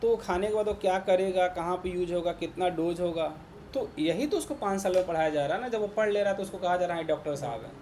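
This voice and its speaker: With a high but darkish voice and a quick pace, a man with an Indian Hindi accent teaches programming to a class. He repeats himself and asks "ठीक है ना" constantly to check understanding, and a little hiss or hum runs underneath.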